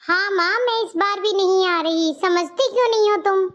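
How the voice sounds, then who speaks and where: A dutiful, caring young daughter-in-law, as a woman puts her on, earnest and a little pleading, very high voiced. The sound is dull and lo-fi. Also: normal speed, a bit bright. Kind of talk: cartoon story voice acting. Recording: dull lo-fi audio.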